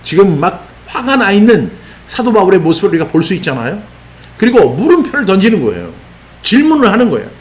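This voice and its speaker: A man preaching an expository sermon as a pastor, animated and sometimes shouting out rebukes. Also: sits high, quick pace. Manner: animated, voices apostle's rebukes in raised exclamations.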